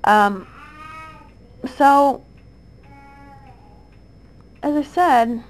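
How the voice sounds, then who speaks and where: Speaking extremely slowly in a voice that sits high, a woman in her thirties, a mother addressing her accusers, delivers an aggrieved, insistent monologue straight to the camera. She repeats herself with many restarts and fillers, and the recording is low quality.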